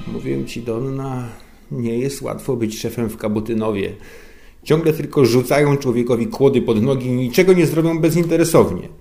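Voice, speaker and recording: A man's voice: medium pitch, normal speed, vocal fry, dark tone, faint music behind, voice pushed up, natural voice. A man voicing a pompous, condescending male boss who complains a lot. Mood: grumbling.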